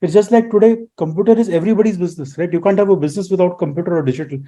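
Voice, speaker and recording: This high-pitched, mellow-voiced man answers radio interview questions like a guest expert giving a lecture, tossing in rhetorical questions. He talks very fast.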